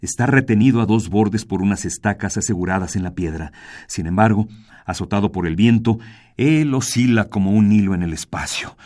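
Low-voiced narrator with a Mexican Spanish accent. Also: male voice, normal speed, a little mellow. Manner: dramatic, varied reading. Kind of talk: dramatic story narration.

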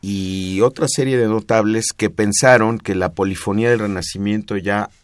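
Mexican guy, low voice, patiently explaining music stuff, repeats himself, dry studio sound. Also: fairly even intonation, normal speed, clean tone, dry recording. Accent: Mexican Spanish. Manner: didactic, patient explaining with repetitions. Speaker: music expert guest. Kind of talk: explanatory radio talk.

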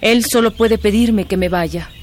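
An actress in a radio drama playing a weary young governess who speaks in a firm, controlled way. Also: female voice, mid-range voice, a little slow, a little hiss or hum, lightly acted. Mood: firm resolved. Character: young female governess, weary, resolute, commanding.

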